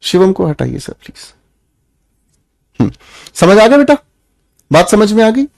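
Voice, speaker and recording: A man's voice: high voice, very animated, unhurried, gravelly, darkish tone, no room sound. A young Indian man teaching an English grammar class in Hindi, addressing his students as children and quizzing them as he goes. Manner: calls students "beta", asks the class questions, firm and preachy. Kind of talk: online class lecture.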